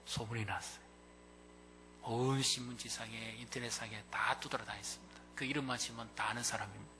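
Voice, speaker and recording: A male pastor preaching a Sunday sermon, swinging from loud, rising peaks to hushed, near-whispered passages. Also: mid-range voice, a little hiss or hum. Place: church sanctuary.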